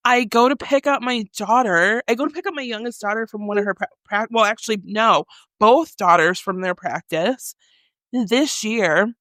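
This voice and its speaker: Animated woman telling stories. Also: medium pitch, moderate pace, no echo, studio quality. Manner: animated storyteller, acts out scenes with loud exclamations. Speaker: podcast co-host. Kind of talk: casual chat. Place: small studio room, on a couch.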